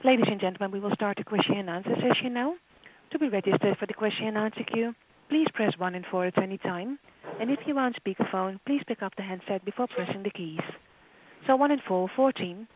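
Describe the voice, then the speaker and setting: A woman operator reads formal, scripted announcements at a brisk clip over a phone line. The line is narrow and tinny, with clear hiss behind her voice. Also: medium pitch. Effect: heard over a phone line. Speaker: conference call operator.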